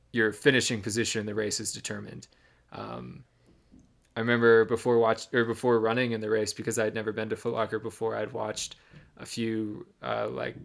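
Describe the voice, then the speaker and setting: This podcast co-host is a young runner whose voice sits low with a creaky texture. Telling the story of a race he ran, he keeps it loose and relaxed, stumbling through plenty of ums and restarts.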